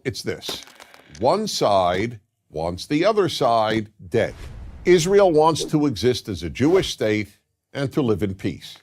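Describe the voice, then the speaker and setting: A man narrates a scripted explainer in the manner of a lecturer. His mid-pitched voice moves up and down widely for emphasis. He is deliberate and didactic, setting off key phrases with pauses. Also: a little mellow. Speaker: commentator and lecturer.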